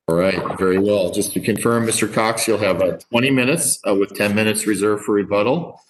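A man's voice: fairly low pitch, brisk, slight background noise, low-quality recording. A man speaking as presiding judge, giving formal procedural instructions in a somewhat hesitant way. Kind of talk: formal court proceedings talk.

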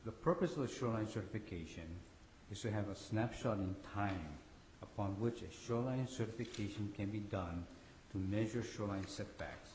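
Hoarse, mellow male lawyer in echoey hall. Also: fairly low pitch, moderate pace. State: hoarse from a cold. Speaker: attorney arguing for respondents. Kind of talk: formal oral argument in court. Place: large echoey courtroom. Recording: echoey hall, faint background noise.

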